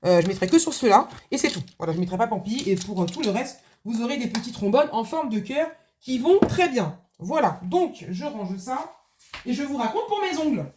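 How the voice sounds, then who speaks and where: A woman's voice: a little high, animated, fairly quick, background noise. A woman chatting casually to her viewers about her budget binder, telling a long story with many asides, fillers and restarts, from home at her desk. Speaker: budgeting vlogger. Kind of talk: casual chat to camera.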